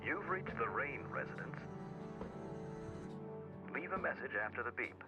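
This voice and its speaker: A brief, polite home greeting on a landline answering machine. The pitch moves up and down with plenty of life, and the voice sounds set back from the mic, as if played through the phone line. Music sits audibly underneath. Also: male voice, lively intonation, a little slow. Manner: brief, polite outgoing message. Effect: heard over a landline phone answering machine.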